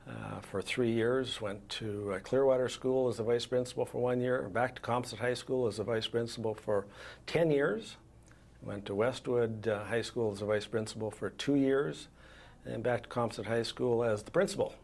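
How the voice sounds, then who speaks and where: An older man from Saskatchewan, a retired school principal, answering interview questions in a calm, measured, matter-of-fact way. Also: medium pitch, creaky.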